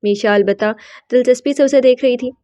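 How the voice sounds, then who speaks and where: A woman narrating a novel in an even, storytelling manner for an audiobook. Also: fairly high pitch, no room sound. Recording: dull, slightly lo-fi.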